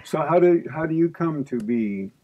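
A man's voice: on the high side, expressive, normal speed, a little mellow. A man hosting an interview, asking wordy, curious questions in a casual way. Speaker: interview host.

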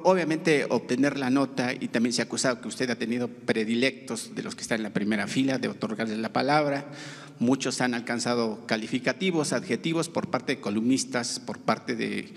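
A man, a reporter, poses a long, formal question at a middling pitch. A long reverb trails his voice through the hall. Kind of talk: asking a long question at a press conference.

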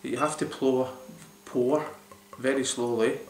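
Unhurried and a little mellow, this medium-pitched man keeps a fairly even intonation while reviewing a beer to camera in a small room. In his forties, he rambles enthusiastically with plenty of fillers, and the echoey, roomy home recording carries slight background noise.

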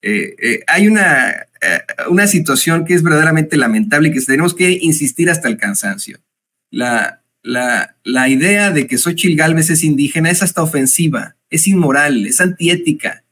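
A Mexican man with a Mexican accent giving indignant, mocking political commentary, pausing often with hesitant fillers. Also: on the high side, expressive, fairly bright tone.

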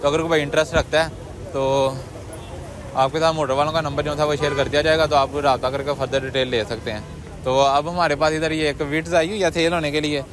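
A man's voice: on the high side, level tone. Man presenting cars at an outdoor market. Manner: brisk salesman-like patter, polite questioning. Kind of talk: walkaround commentary and street interviews. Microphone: handheld mic. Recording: outdoor street noise behind.

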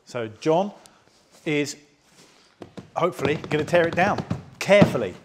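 A chatty channel host restores a car in a large indoor garage, explaining each step casually in a vlog and laughing readily. His voice is a little high and expressive at normal speed, and the recording is very noisy.

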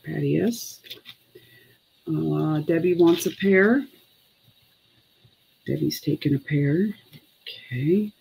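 A woman's voice: deep voice, slow pace, creaky, pauses often, mellow, slight background noise, low-quality recording. A middle-aged woman chatting casually and unhurriedly as she sells items on a live online sale, sometimes muttering counts to herself. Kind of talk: casual live selling chat. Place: indoor room with clothes racks.

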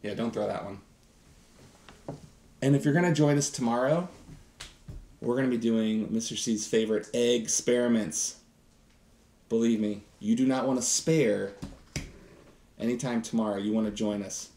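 A man's voice: medium pitch, moderate pace, pauses often, mellow, a little hiss or hum. A man in his thirties doing a chatty, enthusiastic live science demonstration, talking directly to viewers. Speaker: science teacher host. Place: home kitchen set, indoors. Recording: roomy kitchen echo.

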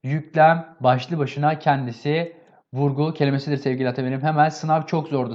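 A man's voice: on the high side, a little mellow, highs cut off. A man teaching a grammar lesson with energy, asking and answering his own questions and often repeating an affectionate address to his viewers. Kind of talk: online exam-prep lesson.

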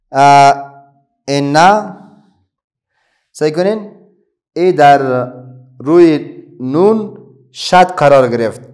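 This middle-aged man, whose voice runs on the high side, teaches children to read in an Afghan Dari accent. He asks questions patiently, then supplies the answers on his own.

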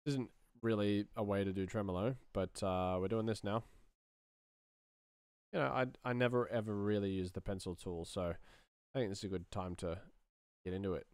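Working at a computer in a small room, a male sound designer and streamer in his thirties casually talks through his screen-share, muttering and thinking aloud in fragments. His lowish voice is smooth and a little mellow at a moderate pace, captured in studio quality with no room sound.

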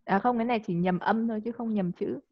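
A woman teaching English in a live online class. She coaxes the student and checks understanding with quick tag questions. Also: medium pitch, no echo. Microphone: video call. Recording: dull lo-fi call audio.

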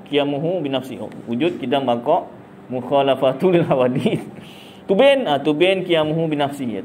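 A man's voice: on the high side, darkish tone, a little hiss or hum. A middle-aged man with a Malaysian Malay accent giving a casual religious talk, chatty and jokey, asking and answering his own questions. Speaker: religious teacher.

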